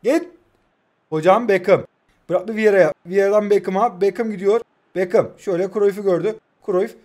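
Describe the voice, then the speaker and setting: A man's voice: high voice, moderate pace. A young man in his twenties giving casual, joking play-by-play commentary over a mobile football game, teasing himself and his viewers. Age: 20s. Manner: joking, teasing self-talk; excited play-by-play.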